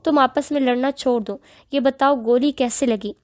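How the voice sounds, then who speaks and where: A woman's voice: high-pitched, a little mellow, dry recording, studio quality, lightly acted. A woman voicing a stern elderly grandmother who scolds in a storybook reading.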